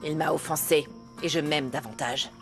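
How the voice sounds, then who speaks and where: A haughty, scornful mother with a low voice, played by a woman. She speaks with cold, dismissive disdain in a dubbed telenovela scene. Soft music plays behind her. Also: fairly even intonation, normal speed, lightly acted.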